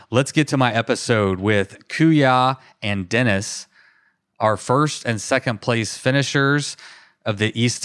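A man hosting a podcast in a relaxed, chatty manner, interviewing his guest. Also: on the low side, clean tone, no room sound, clean studio sound. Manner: friendly, chatty, laughs often. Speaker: podcast host.

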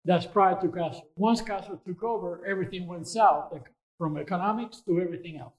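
Older man from cuba, fairly high voice, earnest, halting, lots of uhs. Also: low-quality recording. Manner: earnest, measured, halting with fillers. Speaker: interview guest. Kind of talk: casual interview answers.

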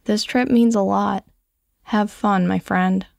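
A woman reading a first-person memoir aloud in a calm, measured storytelling voice. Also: mid-range voice, gravelly, loud music behind the voice. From United States. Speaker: narrator.

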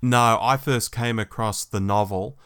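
An Australian man in his forties co-hosts a podcast, chatting and discussing in a casual, reflective, conversational style. His lowish voice is smooth and a bit bright, and he speaks a little slowly. The sound is clean studio audio with no room sound.

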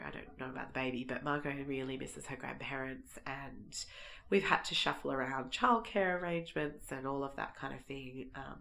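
Croaky, low-voiced Australian woman. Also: fairly bright tone. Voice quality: croaky, froggy voice from a lingering cold. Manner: chatty, informal, thinking aloud. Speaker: podcast host. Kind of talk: casual solo podcast life update.

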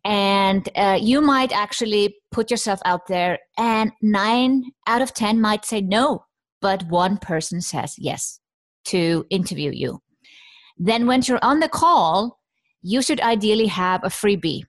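A woman from Iceland hosting a podcast, coaching her guest with lively questions and examples. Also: mid-range voice, measured pace. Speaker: podcast host and business coach.

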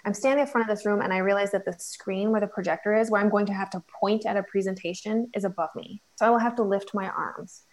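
A woman's voice: mid-range voice, quick pace, few pauses, rough recording. A woman in her forties, a fashion entrepreneur, chatting candidly and self-deprecatingly as an interview guest. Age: 40s.

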